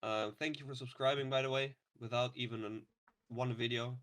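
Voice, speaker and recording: A man in his twenties hosting a casual podcast, relaxed and hesitant with many ums. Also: medium pitch, brisk. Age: 20s. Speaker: podcast host. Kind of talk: casual chat.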